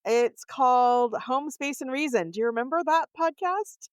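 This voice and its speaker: A woman's voice: high-pitched, moderate pace, smooth, dry recording. Middle-aged woman, dry close podcast sound. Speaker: podcast co-host. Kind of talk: casual conversational podcast talk.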